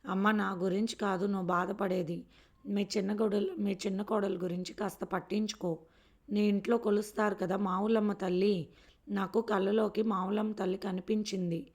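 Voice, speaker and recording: A woman reading a story aloud, voicing a kind elder sister-in-law who gives soft, soothing advice. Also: medium pitch, flat delivery, normal speed, close to an everyday voice. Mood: gentle.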